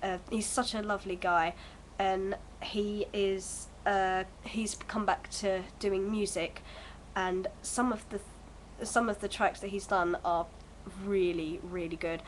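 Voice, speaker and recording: She takes it slowly at medium pitch in a level tone with hardly any pauses, on a rough recording with slight background noise. This early-twenties vlogger, bunged up by a cold, chats hesitantly and ramblingly to camera at home, using many fillers.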